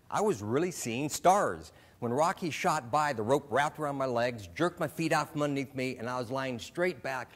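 A middle-aged man from Alaska giving a short humorous stage talk, telling a story with self-deprecating comic timing. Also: medium pitch. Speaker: speaker.

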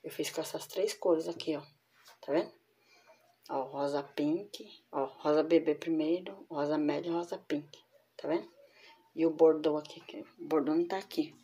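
A woman with a low-pitched voice talks casually to her viewers, showing off handmade crochet pieces one by one. Her tone is chatty and familiar. She speaks from a room at home. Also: normal speed, warm tone, breathy edge. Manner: chatty, addresses viewers as girls. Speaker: crochet vlogger. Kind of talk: casual show-and-tell. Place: home room with door closed.

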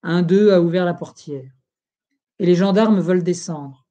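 Solemn reader going through an old history book, warm mellow tone, unhurried. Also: medium pitch, dull audio. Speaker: audiobook reader. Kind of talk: reading a history book aloud.

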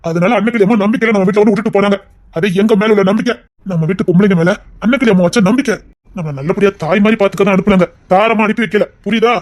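A man's voice: high-pitched, racing, lightly acted. A man with a Tirunelveli accent playing a stern elder brother who lectures his younger brother firmly in a family drama. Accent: Tirunelveli Tamil. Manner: firm, lecturing.

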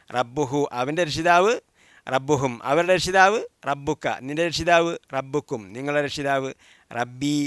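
A man's voice: a little high, fairly bright tone, no echo, clean studio sound. A man teaching a recorded language lesson, who drills each word form and gives its meaning, then asks listeners to repeat after him. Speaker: Quran Arabic teacher.

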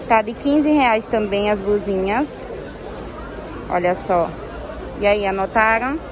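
A woman touring a clothing market on her phone camera, talking through a face mask and pointing things out to viewers. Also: medium pitch. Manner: chatty, keeps saying "ó" and "olha só" to viewers. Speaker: shopping vlogger. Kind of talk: casual market tour vlog. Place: busy indoor clothing market. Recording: crowded market noise behind.

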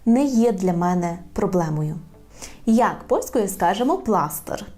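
A woman teaching a language in a video lesson, repeating words slowly and carefully. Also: mid-range voice, animated, a little mellow, soft background music. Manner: slow, careful repetition of words.

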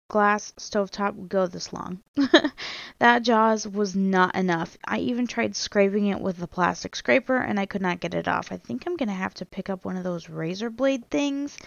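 A woman's voice: medium pitch, unhurried, creaky, no echo, muffled recording. Chatty young woman narrating a cleaning vlog. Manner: chatty, laughs often. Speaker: cleaning vlogger. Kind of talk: casual voice-over narration.

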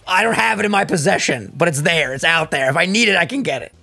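Man, twenties, casual gaming chat, teasing, bright tone, faint music behind. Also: fairly high pitch, animated, gravelly, no room sound. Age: 20s. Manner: joking, teasing, quick laughs. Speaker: co-host of a gaming playthrough. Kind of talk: casual chat over gameplay.

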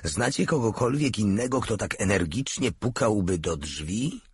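A man voicing a cheerful, teasing male soldier in an audiobook, with a husky voice. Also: fairly low pitch, lively intonation, a little slow, no room sound, voice pushed up, exaggerated voice.

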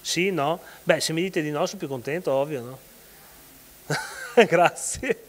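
A man talks to a couples' meeting, joking and chatting with the audience as he sets up a fairy tale. His voice sits fairly high for a man. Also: measured pace, long reverb tail. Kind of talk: casual talk to an audience.

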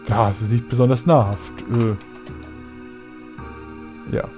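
A man talking casually over his game, with chatty asides and mumbled thoughts. His voice sits at an ordinary middle pitch. Faint music plays behind him. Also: steady tone, slow. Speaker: let's play gamer.

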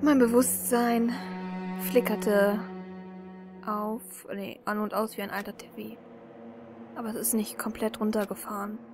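A woman's voice: medium pitch, little pitch movement, normal speed, music in the background. A woman playing a video game, reading the hero's first-person narration aloud and breaking off to comment with frequent giggles. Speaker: let's play gamer.

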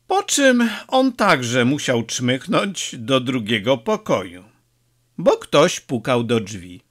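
A man narrating an audiobook in an expressive, measured way. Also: medium pitch.

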